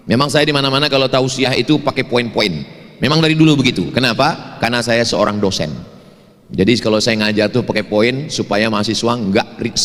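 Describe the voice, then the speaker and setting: Man, preacher, humorous sermon, storytelling asides, mid pitch, long hall reverb. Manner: jokey storytelling with lively asides. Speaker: preacher and university lecturer. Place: large hall at a campus evening event.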